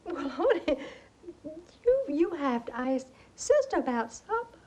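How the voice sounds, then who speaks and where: An actress performs a stage role as a genteel, nostalgic, middle-aged mother and faded Southern belle, chattering away in an American Southern accent and laughing theatrically. Her high voice is sing-song, a little slow and a little mellow.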